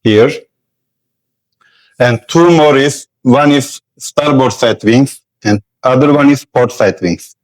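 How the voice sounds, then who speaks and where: Turkish ship's officer, mid-pitched, halting English. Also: male voice, rough recording. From Turkey. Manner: halting non-native English phrasing. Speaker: ship's second officer being interviewed. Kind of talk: explaining equipment in an interview. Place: on a ship's bridge.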